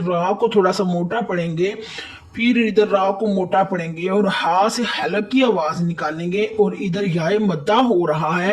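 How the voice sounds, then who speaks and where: A woman teaching Quran recitation step by step, patiently repeating each rule in plain words. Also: fairly low pitch.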